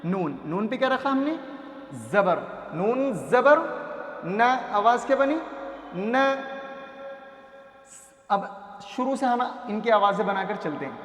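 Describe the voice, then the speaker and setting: A man with a high voice teaches children to read letter by letter. He sounds out each syllable and answers his own questions. His voice rings out in an echoey room with a long reverb tail. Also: expressive, long pauses, a bit bright. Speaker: Quran reading teacher.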